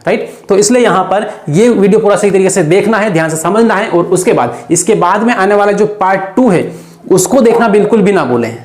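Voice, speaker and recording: A man's voice: sits high, fairly quick. A male teacher giving an exam-prep grammar lesson, repeatedly asking and answering his own questions. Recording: echoey room.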